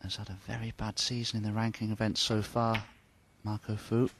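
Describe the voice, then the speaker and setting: A man giving hushed, measured and understated snooker commentary. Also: lowish voice, level tone, heavy background noise.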